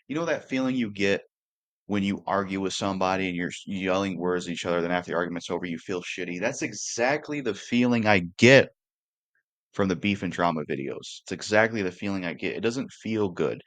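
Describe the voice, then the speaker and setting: A man's voice: fairly low pitch, no echo. A man in his twenties talking earnestly to camera in a casual, repetitive way, with the odd curse. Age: 20s. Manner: earnest, repetitive, occasionally cursing. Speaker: YouTuber.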